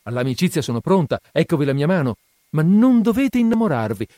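A man reading an earnest, guarded young woman, higher pitched. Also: big pitch swings, a little fast, warm tone, no room sound. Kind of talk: audiobook reading.

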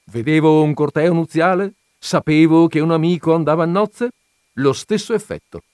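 A man's voice: on the high side, normal speed, darkish tone, no room sound, voice pushed up, close to an everyday voice. A big, jovial braggart in his fifties spills his story in a chatty, confiding way, voiced by a man reading an audiobook. The sound is dry and close. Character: fat, jovial middle-aged man, garrulous and boastful.

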